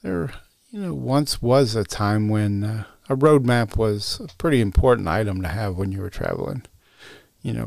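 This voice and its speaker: A man's voice: on the low side, creaky, a little mellow, no room sound, clean studio sound. A man hosting a solo podcast, chatting casually with lots of uhs and restarts. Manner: casual, many fillers and restarts. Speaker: podcast host.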